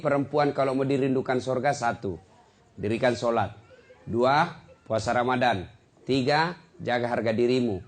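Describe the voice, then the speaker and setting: A man giving a humorous sermon, animated and teasing, swinging his voice for emphasis. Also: mid-range voice. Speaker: preacher.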